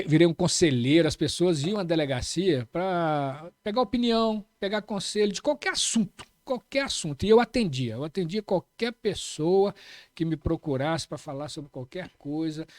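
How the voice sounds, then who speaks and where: A man's voice: on the high side, a little mellow, no room sound. A middle-aged man, a police chief telling anecdotes in a casual interview, repeating key phrases and tagging lines with "né".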